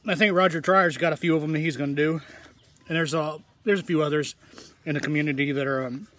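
A man talking casually to his viewers in a tasting vlog, rambling in a relaxed way. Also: a little high, quick pace. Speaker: food reviewer.

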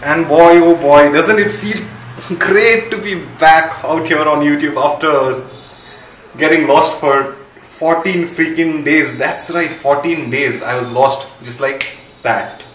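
A man's voice: on the high side, slow pace, fairly bright tone, reverberant, slight background noise, rough recording. A young man from India chatting casually in a vlog, switching between English and Hindi, recorded in a small home room and kitchen. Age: young adult. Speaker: vlogger.

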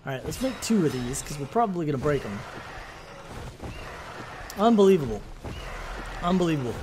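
A man's voice: a little high, fairly quick, noisy background. Male game host who mock-rants through his play, with a bouncy, wide-ranging delivery. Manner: animated, exasperated mock-ranting. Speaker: gaming channel host. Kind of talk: let's-play commentary.

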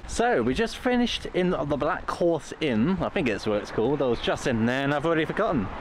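Walking along a country roadside in the rain, a man hosts a vlog, rambling casually to the camera and a companion. His voice is on the high side, expressive and a little fast, and loud traffic noise fills the outdoor recording.

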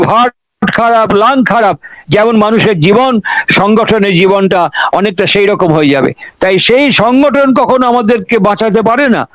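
A man's voice: high voice, fairly bright tone, no echo, rough recording. A man giving a devotional sermon, preaching with emphatic, repetitive rhetoric.

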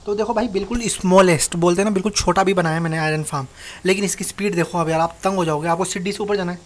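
A man's voice: sits high, fairly even intonation, rapid-fire, slight background noise. A young man casually narrating his own gameplay as host of a gaming channel, talking informally and directly to his viewers like friends. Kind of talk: casual Minecraft tutorial voice-over.

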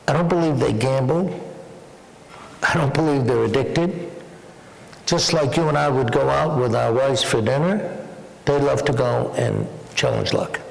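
Honored guest, male, mid-pitched, gravelly, joking storyteller, long hall echo. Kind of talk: onstage interview at a dinner. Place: large banquet hall. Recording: echoey banquet hall.

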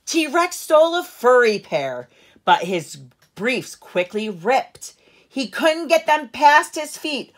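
A middle-aged woman reading a picture book aloud to children like a teacher, with deliberate storyteller phrasing and strong emphasis. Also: sits high, big pitch swings. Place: living room at home, seated in an armchair.

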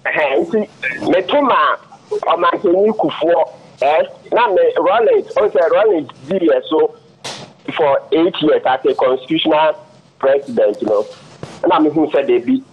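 A man's voice: a little high, lively intonation, unhurried, muffled recording, a little hiss or hum. A man with a Ghanaian accent, a lawyer guest speaking emphatically on political matters. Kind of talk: political commentary on air.

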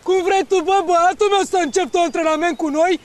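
An actor playing a loud, jovial football club boss who mocks and speaks in broken grammar. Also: male voice, very high-pitched, steady tone. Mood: mocking. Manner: mocking, laughing, broken grammar. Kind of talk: sketch comedy.

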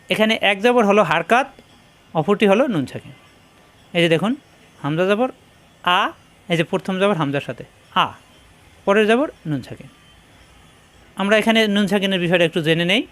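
Man, high voice, Quran reading teacher, patient, repeats sounds slowly. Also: a bit bright. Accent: Bangladeshi Bengali. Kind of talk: spoken lesson on Arabic letters.

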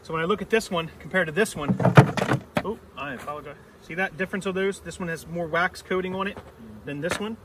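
A man's voice: high-pitched, brisk, very noisy. A middle-aged man teaching beekeeping, explaining each step in a plain way while he works outdoors. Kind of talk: hands-on teaching demonstration. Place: outdoor apiary on a grassy yard. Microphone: camera mic a few steps away. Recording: distant outdoor camera audio.

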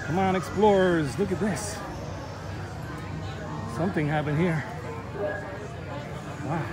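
A middle-aged man with a voice on the high side talks slowly and enthusiastically while vlogging a casual walking tour of an outdoor theme park. He holds the camera at arm's length as he walks, and the phone video picks up loud music and crowd noise.

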